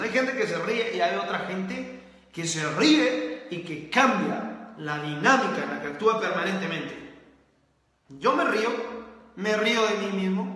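Male motivational host, blunt and forceful, high-pitched, recorded in a roomy space with a long echo. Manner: forceful, blunt, repeats key phrases. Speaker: self-help video host. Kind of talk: motivational live-stream talk. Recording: very echoey room with long reverb.

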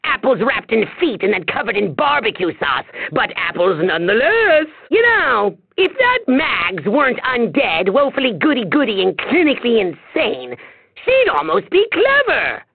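Kaos, squeaky gravelly evil emperor. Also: male voice, wildly swooping pitch, moderate pace, dry recording, exaggerated voice. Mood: scheming, sardonic. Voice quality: shrill, gravelly. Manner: pompous, theatrical, exclamatory. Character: vain, scheming little male evil emperor. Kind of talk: video game villain voice acting. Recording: thin, phone-like narrow-band sound.

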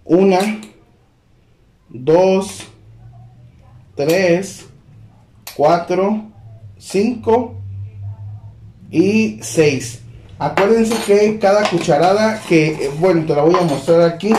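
A man hosting a home cooking demonstration, talking in a relaxed way with lots of fillers as he addresses viewers as friends. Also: sits high, drawn-out words, pauses often. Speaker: cooking channel host. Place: home kitchen. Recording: echoey kitchen with faint noise.

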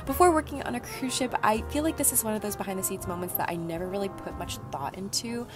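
A woman's voice: medium pitch, fast talker. A young woman in her twenties who works as a cruise ship entertainer, chatting upbeat to a handheld camera while getting around the ship. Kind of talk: casual vlog. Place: cruise ship cabins, lounges and decks. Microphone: handheld camera at arm's length. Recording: music bed under the voice.

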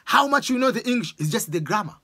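A man in his forties from Tanzania with a Tanzanian accent, giving animated casual exam advice to a close camera in a small room. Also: high-pitched, quick pace. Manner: animated, gestures a lot, uses sports examples. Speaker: education vlogger. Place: small room with bookshelves, indoors. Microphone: camera close up, webcam framing.

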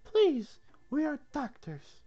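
A woman's voice: fairly high pitch, big pitch swings, moderate pace, darkish tone, muffled recording, soft background music. Woman playing a gushing, flirtatious castle maiden, Zoot. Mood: insistent. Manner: theatrical, gushing, insistent. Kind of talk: comic script read-through.

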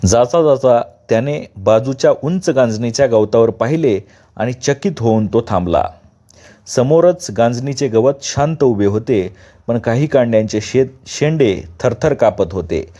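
Mellow-voiced male storyteller. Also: mid-range voice, unhurried. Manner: vivid, expressive narration. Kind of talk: dramatic story reading.

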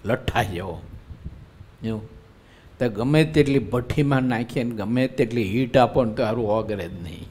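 A man's voice: mid-range voice, dark tone. A man who is a monk, giving a devotional sermon at a live religious gathering in a conversational way, often asking his listeners rhetorical questions. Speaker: monk preacher.

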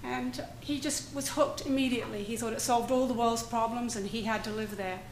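This is a middle-aged woman with a fairly high, steady voice, speaking briskly over slight background noise. Presenting a prepared conference talk as a panelist and cohousing resident, she stands at a podium microphone in a university lecture room and mixes candor with light humor.

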